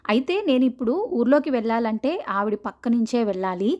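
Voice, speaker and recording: A woman telling a horror story in the first person, in a steady, measured storytelling voice. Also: fairly high pitch.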